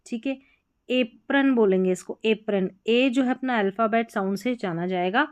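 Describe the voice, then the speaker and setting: A woman with an Indian accent teaching an exam-prep grammar lesson, explaining step by step and repeating examples slowly. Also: on the high side, clear, resonant tone, no echo, muffled recording.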